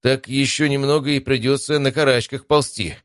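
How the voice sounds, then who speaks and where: In an audiobook, a good-natured young adventurer speaks in a mild, laid-back way, as a male narrator voices him. His voice sits low and the sound is dry and close. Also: very animated, normal speed, dry recording. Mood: easygoing. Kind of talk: audiobook character voice.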